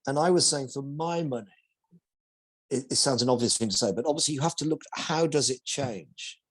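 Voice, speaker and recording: Host: man, friendly interviewer, halting and full of restarts. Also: mid-range voice, husky. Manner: hesitant, many restarts, friendly. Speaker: podcast host. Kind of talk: conversational interview.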